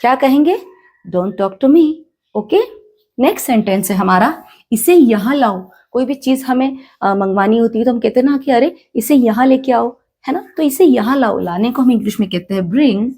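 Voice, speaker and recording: A woman with an Indian accent teaching a spoken English lesson, slowly repeating each phrase and quizzing the learners. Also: fairly high pitch, expressive, warm tone, slightly rough. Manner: slow, repeats each phrase, asks the class questions.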